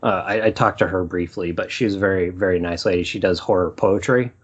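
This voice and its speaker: A man co-hosting a movie podcast, telling stories in a rambling, animated way. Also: low-pitched, fairly quick, husky, highs cut off. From Utah. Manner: rambling storyteller, animated when excited. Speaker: podcast co-host. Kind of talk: casual podcast chat. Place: Portland, Oregon.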